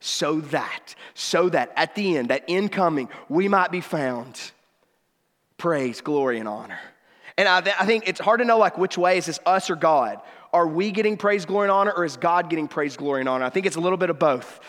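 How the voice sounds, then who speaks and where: Pastor, middle-aged man, bright high voice, animated sermon delivery, big hall reverb. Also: fairly quick. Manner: animated storytelling, rising to shouts then dropping low and soft. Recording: long reverb of a large hall.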